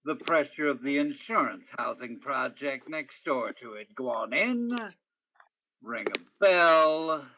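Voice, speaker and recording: An actor narrates a radio play as Danny, a world-weary, brooding male police detective, in a deliberate, dramatic and poetic second-person delivery with heavy pauses. His mid-range voice is pushed, bright and exaggerated, with lively intonation and an intense mood. The sound is dull and lo-fi, with slight background noise.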